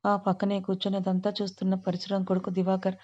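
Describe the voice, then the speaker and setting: A woman narrating an audio story in a steady, even storytelling manner. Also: mid-range voice, fast talker, dull audio.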